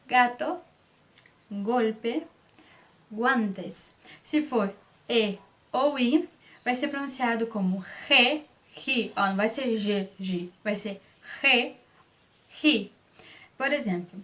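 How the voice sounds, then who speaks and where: A woman teaching Spanish pronunciation in an online lesson, patiently repeating words and checking in with "ok?". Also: on the high side.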